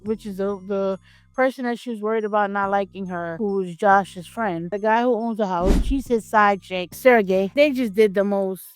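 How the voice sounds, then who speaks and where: A woman's voice: mid-range voice, moderate pace, clean tone, dry recording. A woman co-hosting a casual film discussion, reflective as she talks through her reasoning. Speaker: film review co-host.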